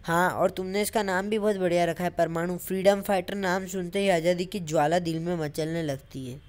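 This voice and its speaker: Woman as teasing, wheedling young male comic character, low-set voice, voice-over dub. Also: steady tone, fairly quick, a little mellow, natural voice.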